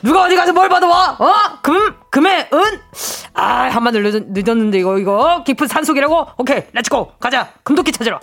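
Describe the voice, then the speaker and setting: Woman playing a shrill, greedy peasant wife. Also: expressive, a bit bright, heavily acted. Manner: exclamatory, fast nagging talk.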